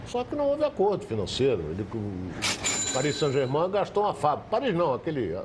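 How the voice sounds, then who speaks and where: A man's voice: fairly high pitch, wildly swooping pitch, brisk. A man in casual football chat, talking as a panellist in short informal remarks. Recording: clear background noise.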